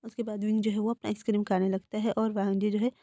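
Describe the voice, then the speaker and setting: A woman's voice: medium pitch, little pitch movement, fast, mellow, dry recording. A woman casually retelling a fan fiction story in a plain, conversational way.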